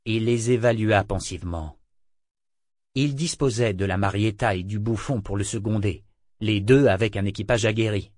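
A man narrating a novel aloud in a measured, steady reading style. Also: lowish voice, no echo, clean studio sound. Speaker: audiobook narrator. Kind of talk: scripted narration with character voices.

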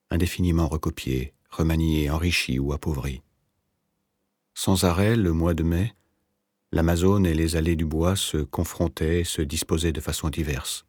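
A man narrating a novel in a measured, literary reading. His voice is extremely deep and husky, recorded dry and close with no room sound. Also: a little mellow, no echo. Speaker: audiobook narrator.

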